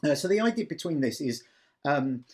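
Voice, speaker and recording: A man's voice: a little high, sing-song, normal speed, a little mellow. A man giving a casual, step-by-step screen-recording walkthrough in an explanatory manner as a tutorial presenter.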